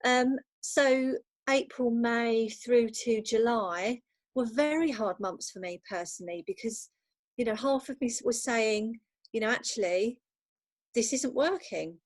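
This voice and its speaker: A woman's voice: fairly high pitch, dry recording. A woman guest on a podcast, agreeable and reflective, speaking from a bedroom at home. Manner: agreeable and reflective, quick to affirm with "absolutely". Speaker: virtual assistant, guest. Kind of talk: casual chat.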